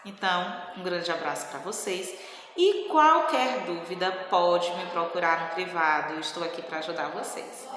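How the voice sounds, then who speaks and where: A woman teacher in a recorded video lesson, explaining school exercises slowly and carefully. She stretches out her words as she dictates and keeps checking in with her pupils. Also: fairly low pitch, animated, fairly bright tone, slight background noise. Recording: echoey room with long reverb.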